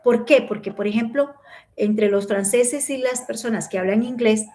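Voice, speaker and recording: A woman giving a live-stream Spanish lesson, explaining and demonstrating pronunciation by slowly repeating words. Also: on the high side, dark tone. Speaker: Spanish teacher.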